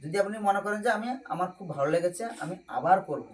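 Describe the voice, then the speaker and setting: A man's voice: sits high, brisk. A man teaching a visitor how to chant on prayer beads, alternating patient step-by-step instructions with sung mantras. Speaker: temple devotee teaching chanting. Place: temple hall with people around. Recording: distant echoey mic in busy hall.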